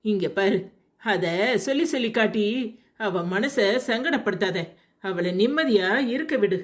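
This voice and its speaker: A woman voicing a calm village woman in a cartoon who consoles and reasons with a friend in a Tirunelveli Tamil accent. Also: mid-range voice, measured pace, lightly acted. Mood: consoling. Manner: soothing, reasoning.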